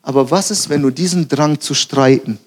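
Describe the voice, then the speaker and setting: A young man preaching a sermon, telling animated stories, acting out quotes and laughing at himself. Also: medium pitch, moderate pace, husky.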